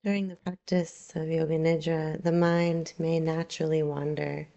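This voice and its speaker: Sitting low and gravelly in pitch, this yoga nidra guide takes listeners through a relaxation meditation, calm and slow, with long pauses.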